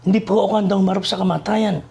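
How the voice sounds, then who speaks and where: A man's voice: high-pitched, fairly even intonation, fast talker, vocal fry, a little mellow, pitched below the performer's own voice. A man doing a terrified, pleading servant. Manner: pleading, frightened. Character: terrified male servant begging to flee.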